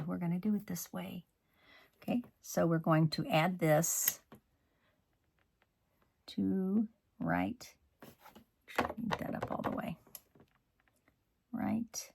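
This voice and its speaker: Man, card-making demo host, unhurried gravelly delivery, chatty and self-scolding. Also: high-pitched, very animated. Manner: chatty, scolds himself and mutters asides. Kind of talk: crafting tutorial.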